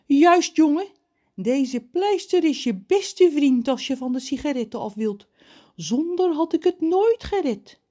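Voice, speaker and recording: A woman voicing a cheerful, scheming male pirate cook with a high, chirpy voice in a read-aloud story. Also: animated, unhurried, mellow. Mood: sly.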